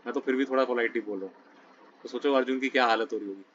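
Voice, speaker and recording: A man with a mid-range, fairly bright voice explains scripture to a study group at a rapid-fire pace. He keeps it conversational, frequently checking in with listeners between phrases, and the recording is dull and lo-fi with faint noise.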